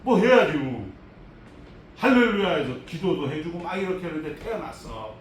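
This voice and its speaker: Male pastor, sermon, high voice, animated delivery, echoey hall, heard from far off. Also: normal speed, slight background noise. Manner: animated, acts out quoted voices. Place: church sanctuary.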